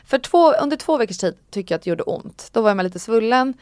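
A woman's voice: lively intonation, darkish tone, clear, resonant tone, no echo, clean studio sound. Candid woman telling stories. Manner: candid storytelling, acts out quotes with jumps in pitch. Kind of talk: casual chat.

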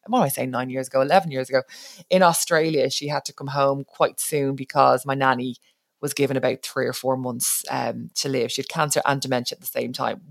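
A Dublin woman with an Irish city accent hosts a podcast, chatting in a relaxed, informal way. Her voice is a deep, creaky rumble, recorded with no room sound.

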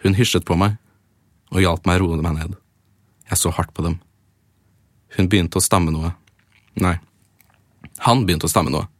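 A man's voice: low voice, pauses often, dry recording, studio quality. A man on a podcast who reads fan fiction aloud in first person and breaks off now and then for jokey comments. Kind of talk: casual chat with dramatic read-aloud.

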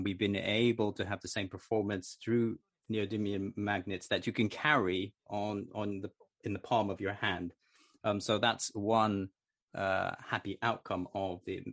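Sex: man. Role: interpreter. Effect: live interpreter voice-over in first person. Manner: measured, halting, with fillers and restarts. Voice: low, gravelly. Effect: live interpreter voice-over, translating in first person. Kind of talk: spoken simultaneous translation.

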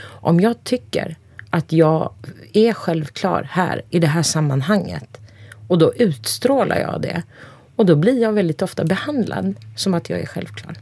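A woman in her forties, an interview guest speaking bluntly and emphatically, swearing freely and listing things off in quick runs. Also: fairly low pitch, animated, a little mellow, husky, no room sound. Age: 40s. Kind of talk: candid conversation.

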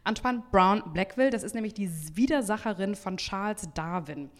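A woman's voice: mid-range voice, animated, normal speed. A woman co-hosting a live podcast before an audience, retelling stories with animation and hesitant fillers. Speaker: podcast co-host. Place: hotel event space with audience. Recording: long hall reverb.

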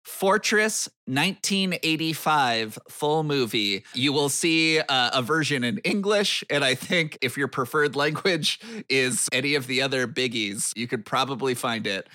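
A man's voice: mid-range voice, lively intonation, unhurried, hardly any pauses, sharp tone, no echo. A man co-hosting a casual podcast chat, laying out facts and trivia. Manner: informative, lays out facts and trivia. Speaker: podcast co-host.

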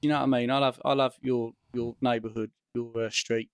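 A man's voice: medium pitch, level tone, a little fast, clean tone, no echo, studio quality. A man with an Essex accent chatting casually as a podcast co-host, with blokey, self-deprecating, matey banter. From Essex, England. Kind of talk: casual comedic chat.

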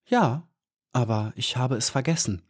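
A man reading an audiobook and voicing a wise male flower elf who speaks calmly and earnestly. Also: mid-range voice, a little slow, slightly rough. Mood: serene. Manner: calm and earnest.

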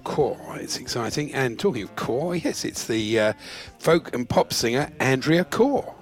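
A man's voice: mid-range voice, expressive, a little slow, faint music behind. A man co-hosting a casual radio game, announcing birthdays and telling punning jokes in a chatty way. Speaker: co-host reading out celebrity birthdays. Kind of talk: casual comic banter with pun punchlines.

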